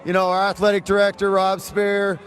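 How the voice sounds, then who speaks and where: A male football coach with a high voice gives a post-game interview on an outdoor field. He talks plainly and colloquially. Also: monotone, fairly quick, faint music behind.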